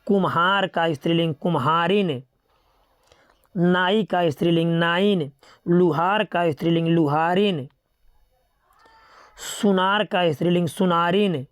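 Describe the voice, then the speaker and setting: Teacher going down a word list in a grammar class, steady and methodical, keeps saying remember this, dry close sound. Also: medium pitch, a little slow, pauses often, smooth, no echo. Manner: steady, methodical listing with repeated reminders to remember. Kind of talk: grammar lesson, reading out word pairs.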